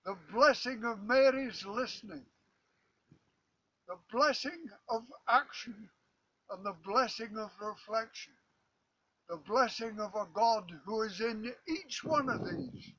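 An older Scotsman, recorded by a faraway camera in a field, leads a church service, solemnly and deliberately offering prayers and a short sermon. His high voice sounds pushed and bright, with a little hiss or hum in the recording.

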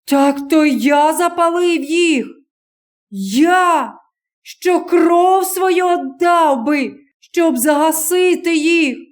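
Desperate young man, hunted student, voiced by a woman, anguished, pleading, high strained shouts, slow delivery, storybook reading. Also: exaggerated voice.

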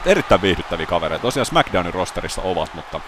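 A man giving excitable play-by-play commentary over a wrestling video game, bursting into loud exclamations. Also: sits low, noisy background.

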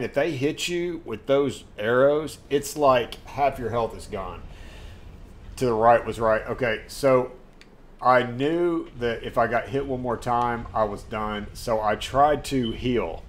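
Excitable man streaming a game. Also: mid-range voice. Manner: excitable, swears, talks straight to chat. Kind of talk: live gameplay commentary chatting with viewers. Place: home room at his desk.

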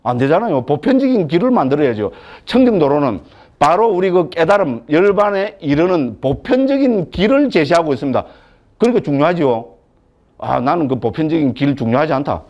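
A Buddhist monk gives a scripture lecture, his fairly high voice swinging up and down. He keeps it chatty and joking, tossing rhetorical questions at the class. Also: very animated, brisk, darkish tone, dull audio.

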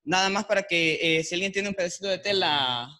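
Bright-voiced artisan explaining dyes, hesitant. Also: male voice, high voice. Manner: explanatory, hesitant, fills pauses with "eh" and "este". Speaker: artisan guest presenter. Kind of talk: demonstration talk. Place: workshop room with attendees.

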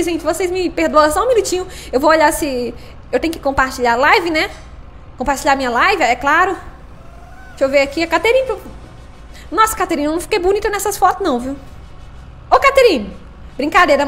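A woman's voice: very high-pitched, fairly bright tone, slight background noise. A woman chatting on a live stream, playful and laughing often as she greets her viewers by name. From Brazil.

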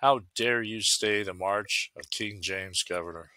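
A man's voice: on the low side, measured pace, dry recording. A man voicing a harsh, domineering governor. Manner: loud and harsh.

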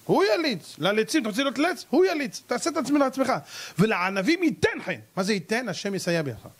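A man preaching as a rabbi, his voice sitting high and leaping widely as he tells stories. He slips into the characters' voices and cries out to drive his point home. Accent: Israeli Hebrew. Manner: animated, acts out characters and cries out. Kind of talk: sermon with storytelling.

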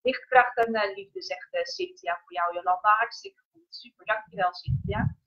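A woman hosting a casual live stream from home, talking in a halting way with many fillers and restarts. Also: medium pitch, pushed and bright. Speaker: livestream host, coach. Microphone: laptop. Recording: dull lo-fi laptop audio.

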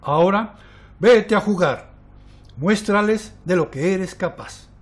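A man voicing a loving, patient father in a children's storybook, speaking in a warm, consoling way. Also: sits high, slow pace. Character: loving, reassuring father blob.

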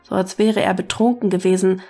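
A woman reading fan fiction aloud as a steady, even storyteller. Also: mid-range voice, fairly quick, faint music behind. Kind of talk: scripted narration.

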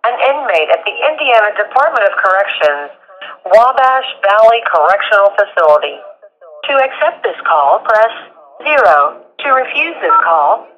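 Woman's voice on a prison phone line. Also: medium pitch. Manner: measured, formal announcing. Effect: prison phone line recording. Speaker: automated call announcer. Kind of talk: recorded phone system announcement.

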